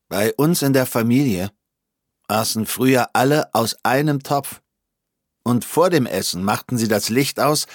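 A man's voice: medium pitch, dry recording. Dry-voiced man reading a wry story. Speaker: narrator. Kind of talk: scripted first-person story reading.

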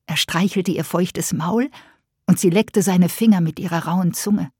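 Husky woman reading a children's story. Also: lowish voice, darkish tone, no room sound, studio quality. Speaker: narrator.

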